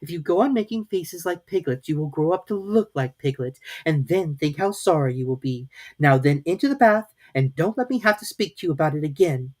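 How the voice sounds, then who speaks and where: A motherly storybook kangaroo played by a woman, with a lilting, lively voice lifted a little above a low register. She is brisk and soothing, firm with a sly teasing streak. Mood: firmly scolding. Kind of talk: children's storybook character voice.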